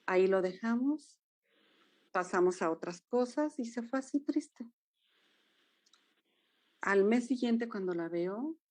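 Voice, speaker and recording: A woman with a Mexican accent, a dance movement therapist, animatedly recounting therapy cases in an interview and acting out the dialogue. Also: medium pitch. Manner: animated storyteller, acts out dialogue.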